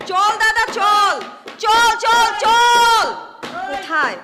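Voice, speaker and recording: An actress playing a young woman who loudly rehearses melodramatic stage lines and snaps back at her neighbor. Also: extremely high pitch, drawn-out words, over a noisy crowd, heavily acted. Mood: theatrical rehearsal. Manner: melodramatic chanting of rehearsed lines, sharp retorts. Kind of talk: comedy drama acting. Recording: echoey room with music behind.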